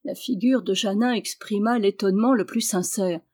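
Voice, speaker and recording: A woman reading a historical novel aloud as a volunteer audiobook narrator, with steady, expressive storytelling. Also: mid-range voice, normal speed. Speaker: audiobook reader. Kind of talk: literary narration.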